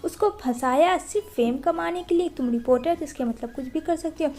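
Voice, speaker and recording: A woman's voice: sits high, a little fast, darkish tone. A woman voicing a spiteful female rival who taunts and accuses. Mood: taunting.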